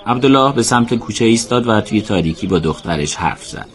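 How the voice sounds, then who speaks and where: Low-voiced male radio narrator. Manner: steady, measured storytelling.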